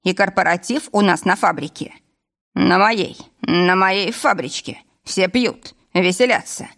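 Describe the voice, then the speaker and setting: A woman's voice: fairly low pitch, a little slow, gravelly, fairly bright tone. A woman reading an audiobook voices a drunk middle-aged man, a candy-factory director who hiccups and talks with slurred familiarity. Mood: tipsy.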